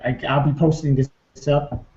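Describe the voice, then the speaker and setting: Over a muffled, echoey and faintly noisy online call, a man co-hosts a casual talk show, chatting informally and in a subdued way with one other person. His voice is medium-pitched and dark-toned, with a level delivery at normal speed. They're connected from an indoor room in an online video hangout.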